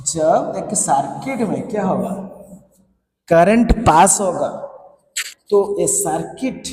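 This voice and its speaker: A man with an Indian English accent teaches a science class in Hinglish, repeating key points and quizzing his students. His voice is high with a darkish tone, and the room is echoey with faint ambience.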